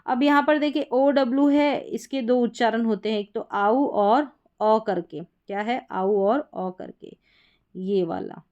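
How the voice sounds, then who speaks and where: A woman's voice: fairly high pitch, measured pace, a little mellow, muffled recording. A woman with an Indian accent teaching English pronunciation, explaining rules patiently and reading word lists aloud one word at a time. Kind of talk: explaining lesson.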